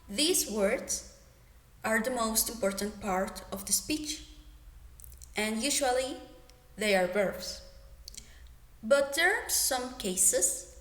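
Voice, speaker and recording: Slow, careful young woman teaching pronunciation. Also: a little high, a bit bright. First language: Spanish. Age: young adult. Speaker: student presenter. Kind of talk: pronunciation lesson. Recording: echoey room.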